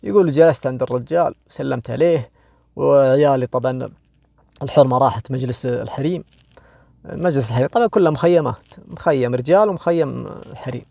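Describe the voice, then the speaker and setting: Gravelly Saudi man telling a ghost story. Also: medium pitch, warm tone, dry recording, studio quality. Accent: Saudi Arabic. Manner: conversational, asks listeners "you know?", frequent restarts; swings between quick asides and slow, dramatic drawn-out phrases. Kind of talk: retelling a jinn horror story.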